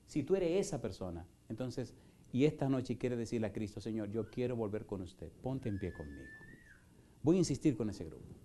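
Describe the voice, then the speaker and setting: Male pastor, middle-aged, fervent church sermon, rhetorical questions, loud to hushed, warm mellow tone, mid pitch. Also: very animated, moderate pace, a little hiss or hum. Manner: impassioned, rhetorical questions, shifts from loud preaching to soft pleading. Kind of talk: evangelistic sermon with altar call. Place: church in Houston, Texas.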